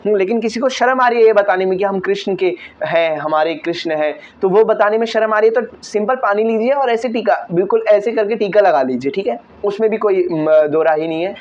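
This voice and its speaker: A teenage boy talks earnestly through viewer questions in a high voice. He keeps checking in with listeners as he goes. The recording is dull and lo-fi. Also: fairly quick, few pauses. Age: teens. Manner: earnest, repeats "theek hai" often. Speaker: vlogger answering viewer questions. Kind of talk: casual Q&A talk.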